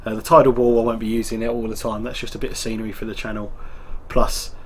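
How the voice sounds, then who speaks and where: A man on the low side speaks at a quick pace, stuffy-nosed and congested from a cold. He hosts a tabletop wargaming channel and does a relaxed, rambling hobby show-and-tell full of ums, with slight background noise.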